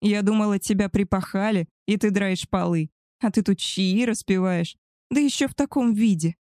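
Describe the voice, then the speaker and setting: A woman's voice: medium pitch, moderate pace, dark tone, no room sound, studio quality, lightly acted. A woman voicing an arrogant, spoiled young she-wolf woman who talks down to others in a haughty, contemptuous way. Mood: indignant shouting. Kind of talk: audiobook character voice.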